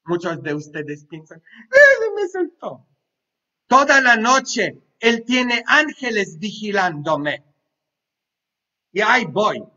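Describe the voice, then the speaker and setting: Bright, high-voiced priest preaching a homily. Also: male voice, takes it slowly, lo-fi sound. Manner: lively, joking and conversational, with asides and tag questions; half-sings song lines loudly. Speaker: pastor. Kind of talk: sermon.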